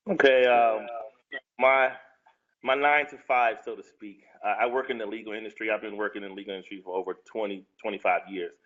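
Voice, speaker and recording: A man speaks as a guest on a casual chat show, pausing with lots of fillers. His voice sits a little low. The sound is dull and lo-fi. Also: fairly even intonation. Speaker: guest, musician. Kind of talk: casual interview talk.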